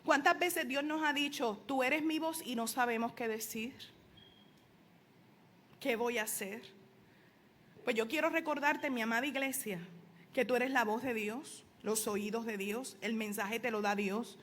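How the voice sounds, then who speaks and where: High-voiced woman preaching. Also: a little slow, slight background noise. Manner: preaching with emphatic rises and soft asides. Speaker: pastor. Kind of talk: sermon.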